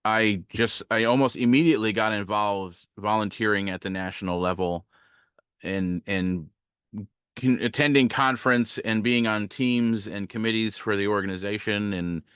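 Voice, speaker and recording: Low-voiced smooth man giving a sermon. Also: normal speed, no echo, studio quality. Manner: relaxed, reflective, with fillers and self-corrections. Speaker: guest minister. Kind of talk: conversational sermon. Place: online talk, home setup.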